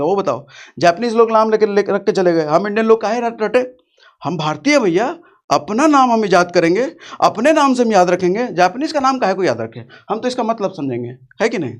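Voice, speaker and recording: Man, high voice, joking rustic teacher, repeats phrases. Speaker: trading teacher. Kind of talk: casual chart lesson.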